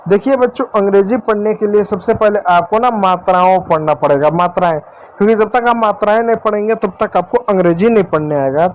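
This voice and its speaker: Guy teaching kids english, pretty high voice, keeps checking "ok?". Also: a little fast. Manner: addresses children directly, repeats and checks with "ठीक है". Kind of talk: classroom-style lesson for children.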